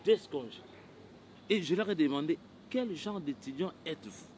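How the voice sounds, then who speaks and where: A man's voice: on the high side, expressive, moderate pace, darkish tone, a little hiss or hum, lightly acted. A man playing an indignant man who rants about two louts in a film. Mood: ranting. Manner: indignant, ranting. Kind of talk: Congolese film acting.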